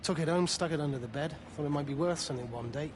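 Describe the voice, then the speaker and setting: A man's voice: a little high, fast, noisy background, lightly acted. A man playing a worried, grumbling stationmaster. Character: grumbling middle-aged stationmaster, anxious.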